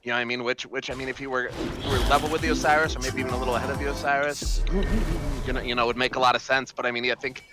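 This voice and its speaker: Male esports caster, mid-pitched, loose rambling play-by-play, music bed under the voice. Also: fairly even intonation, very fast, few pauses. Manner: rambling, many restarts and fillers. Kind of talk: play-by-play commentary. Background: game music.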